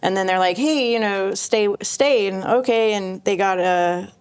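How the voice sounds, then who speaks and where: A woman moderates a casual panel and slips into storytelling. She is animated, lifting her voice to act out the lines she quotes. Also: medium pitch, a little slow, clean tone. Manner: animated, acts out quotes in a raised voice.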